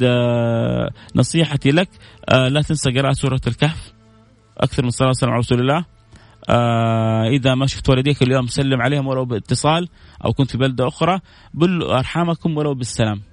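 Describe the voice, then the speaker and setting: A man hosting a religious radio talk show, telling stories with lively jumps in pitch and reading out listener messages. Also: vocal fry, no room sound. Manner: lively storytelling with sudden high pitch jumps. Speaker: radio host and preacher.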